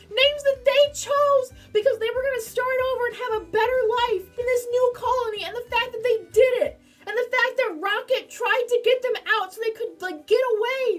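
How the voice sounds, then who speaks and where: High-voiced emotional woman reviewing a film. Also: far from the mic. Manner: emotional, gushing, full of "like" fillers. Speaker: movie reviewer. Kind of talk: casual film review vlog.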